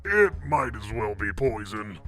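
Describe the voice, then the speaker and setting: A man's voice: lowish voice, very animated, unhurried, sharp tone, faint music behind, heavily acted. A man voicing a sly, smug Devil who rules an underworld casino, in a drawling cartoon dub style. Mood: wry. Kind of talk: comic dub character acting.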